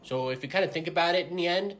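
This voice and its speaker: A man's voice: a little high, quick pace, a bit bright. A man acting out comedy sketch dialogue in an argumentative, emphatic manner.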